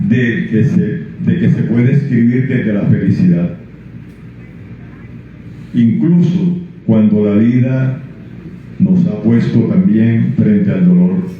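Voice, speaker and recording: At a book presentation event, an older Colombian author reads his prologue and then answers questions. His mid-pitched speech is halting, with many restarts and fillers when he talks freely. The audio is very echoey and thin like a phone line, a tinny lo-fi feed with faint hiss.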